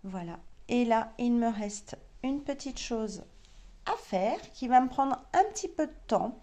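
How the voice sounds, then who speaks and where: Slow, hesitant French woman sewing vlogger. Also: fairly high pitch, animated, warm tone. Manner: hesitant, thinking aloud with many fillers. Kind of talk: casual chat to camera.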